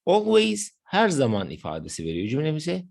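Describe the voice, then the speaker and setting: A man with a Turkish accent teaching an English lesson, explaining step by step and slowing down for the example phrases. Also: on the high side, huge pitch swings, gravelly, darkish tone. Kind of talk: language lesson narration.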